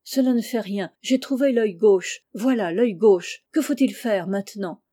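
A woman's voice: medium pitch, measured pace, dark tone, lightly acted. A woman reading aloud, voicing a simple, earnest old male servant who answers and protests plaintively in a story.

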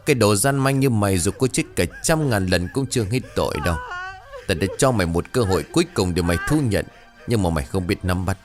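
A man's voice: low-pitched, animated, fast, soft background music. A man voicing a cruel, scornful landlord. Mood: menacing. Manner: harsh, scornful, threatening. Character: cruel, arrogant rich male landlord villain.

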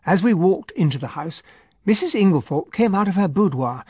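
An actor playing a genial, well-spoken English army captain, narrating and acting in a radio drama. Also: male voice, sits high, expressive, normal speed, breathy edge, no room sound, lo-fi sound. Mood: reminiscing.

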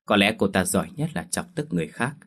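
A male storyteller reads a dramatic family tale in a steady, measured way. His voice is very deep and husky, with a breathy edge. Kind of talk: scripted story narration.

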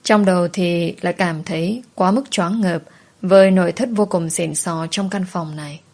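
A woman narrating a story in first person, steady and plain. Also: lowish voice, moderate pace.

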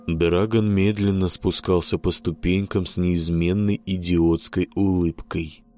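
A man narrating an audiobook in a measured, somber storytelling manner. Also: sits low, level tone, dry recording. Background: soft music.

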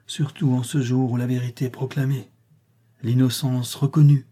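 A dignified woman answers calmly, as a male narrator reads her. The voice stays dark and husky. It is an audiobook reading. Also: mid-range voice, normal speed, lightly acted. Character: dignified older woman, calm.

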